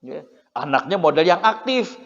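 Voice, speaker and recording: High-voiced preacher in echoing hall. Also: male voice, sing-song, moderate pace. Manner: chatty, humorous, acts out quoted parents and children, tags lines with "ya". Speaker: Islamic preacher. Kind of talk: lively religious lecture. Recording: muffled recording with long hall reverb.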